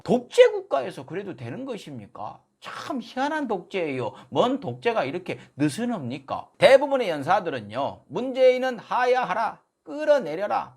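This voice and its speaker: A man's voice: high-pitched, husky. A man giving a political commentary monologue, full of sarcastic, mocking rhetorical questions.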